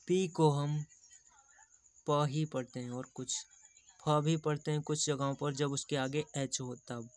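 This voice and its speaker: A man's voice: a little high, dry recording. A man teaching English pronunciation, explaining patiently and repeating example words.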